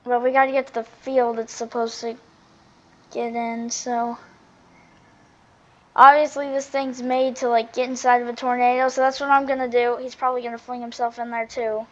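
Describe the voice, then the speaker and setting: A woman giving casual, chatty gameplay commentary, often half to herself, her volume swinging between muttering and loud exclamation. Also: fairly high pitch, flat delivery, normal speed. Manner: chatty running commentary, often talking to self. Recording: dull lo-fi microphone sound.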